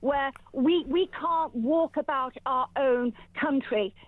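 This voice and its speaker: High-voiced woman caller on a phone line. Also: slow, no room sound. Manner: indignant, emphatic, aggrieved. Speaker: radio show caller. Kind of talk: phone-in opinion, political complaint. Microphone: telephone. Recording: thin telephone line.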